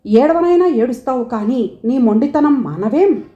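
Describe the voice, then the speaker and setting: A woman voicing an exasperated, quick-tempered middle-aged mother who scolds her daughter loudly. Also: high voice, animated. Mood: angry scolding. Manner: scolding, raised voice. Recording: dull roomy home recording.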